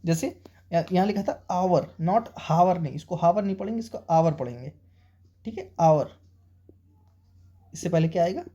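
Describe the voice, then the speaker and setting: A man with an Indian accent teaching an exam-prep English lesson, reading English sentences out slowly and often checking with students. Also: sits high, lively intonation, mellow, dull audio.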